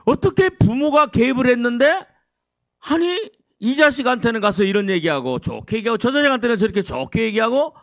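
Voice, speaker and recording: A man's voice: extremely high pitch, big pitch swings, fairly quick, fairly bright tone, dry recording. A male pastor preaching a sermon, full of rhetorical questions to his congregation.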